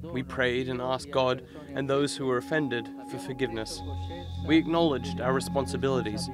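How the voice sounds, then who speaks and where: A man reads a translated speech over the original in a steady, formal voice at a middling pitch. Music sits clearly behind him. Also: normal speed. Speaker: interpreter. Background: music bed.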